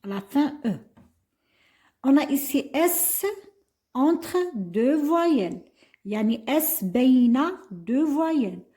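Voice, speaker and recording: Her voice is high-pitched, warm, and animated, and she takes her time. A retired primary teacher in her later years, she walks a class through an exam, spelling words letter by letter and switching between French and Arabic.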